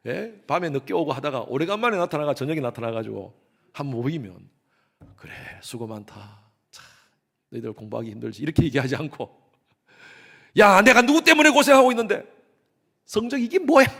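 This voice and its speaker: Animated Korean-speaking male pastor preaching. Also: medium pitch. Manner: animated preaching, swings between soft asides and loud emphasis; acts out parents' voices in quotes. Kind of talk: sermon.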